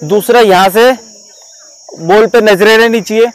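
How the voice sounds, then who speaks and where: A man's voice: sits high, a little slow, no room sound, low-quality recording. A male cricket coach giving an outdoor fielding demonstration to a group of students. He explains step by step and keeps checking whether they have understood. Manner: instructive, repeatedly checks understanding.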